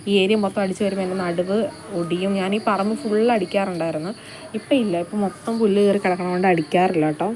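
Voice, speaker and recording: Young woman chatting fast outdoors. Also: medium pitch, steady tone. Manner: chatty, rambling, often trails off. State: voice changed by allergy, sneezy. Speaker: vlogger. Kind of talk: casual vlog narration. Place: outdoors at a home yard. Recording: outdoor vlog with loud ambient noise. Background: insects and animals.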